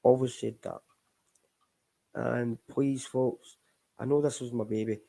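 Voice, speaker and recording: A man's voice: mid-range voice, fairly even intonation, slow, gravelly, warm tone, poor audio. A middle-aged Scottish man hosting a recovery chat, talking candidly and rambling, calling his listeners folks. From Scotland. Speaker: recovery podcast host. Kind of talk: casual live chat.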